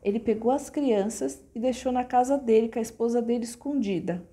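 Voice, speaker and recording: A woman's voice: on the high side, brisk, warm tone. A woman with a Brazilian Portuguese accent retelling an old folk tale in a casual, chatty way, with frequent asides. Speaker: storyteller.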